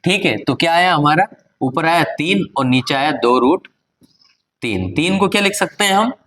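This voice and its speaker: A man's voice: on the high side, expressive, moderate pace, fairly bright tone. A man with a Hindi accent teaching a maths lesson, working through each step aloud and quizzing the class. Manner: talks himself through each step and asks the class rhetorical questions; switches to motivational exhortation.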